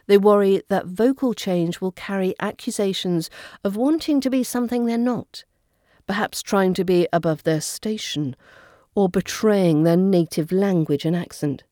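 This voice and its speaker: A woman, a coach giving a scripted, clear and measured lesson. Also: mid-range voice, dark tone, no echo, clean studio sound. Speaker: accent coach. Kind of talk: scripted teaching narration.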